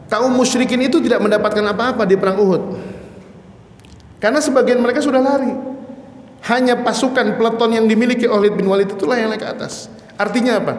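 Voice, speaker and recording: A male preacher giving an Islamic study lecture, telling the story with animation and acting out shouted quotes. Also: high-pitched, a little hiss or hum. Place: mosque hall. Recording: echoey mosque hall.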